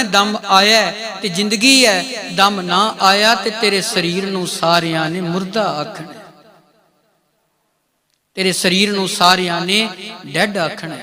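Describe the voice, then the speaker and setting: A man with a Punjabi accent giving a Sikh religious discourse, drawing out phrases and half-singing scripture lines. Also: high-pitched. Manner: drawn-out chanted phrases with sung quotes. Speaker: kirtan preacher. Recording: live crowd behind.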